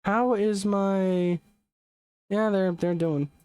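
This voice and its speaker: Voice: medium pitch, fairly even intonation, extremely slow, a little mellow, clear, resonant tone. A young adult game streamer chatting casually during a live session, rambling, correcting themselves often and swearing offhandedly. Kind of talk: casual live gameplay commentary.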